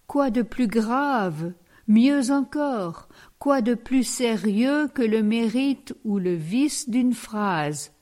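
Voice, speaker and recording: Woman doing a pompous old man, pedantic, slow and careful, fairly high voice. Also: a little mellow. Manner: pedantic, weighs every word. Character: fussy pompous elderly male parishioner.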